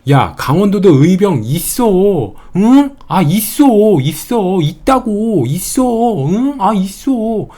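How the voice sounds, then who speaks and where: A man's voice: high-pitched, very animated, slow pace, few pauses, mellow, voice pushed up, full character voice. A man voicing an indignant male provincial militia leader who keeps insisting, repeating himself emphatically. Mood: exasperated insistence.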